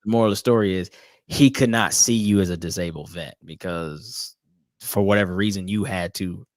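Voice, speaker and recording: A deep-voiced man talking thoughtfully on a podcast, choosing his words with pauses. The sound is dry and close, with no room echo. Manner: reflective, measured, hesitant. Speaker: podcast co-host. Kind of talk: casual discussion podcast.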